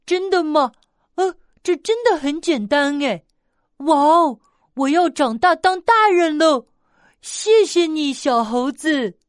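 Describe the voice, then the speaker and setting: A woman's voice: sits high, expressive, slow pace, no echo, clean studio sound, voice pushed up. A woman voicing an eager little male bear cub in a children's storybook, childlike and whiny as he wishes to grow up. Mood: excited.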